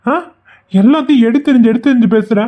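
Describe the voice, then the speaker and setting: A woman voicing a patient young husband in a cartoon who reasons with his wife in a steady way. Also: fairly high pitch, fast talker, natural voice. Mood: reasoning. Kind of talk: cartoon voice acting. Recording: dull lo-fi sound.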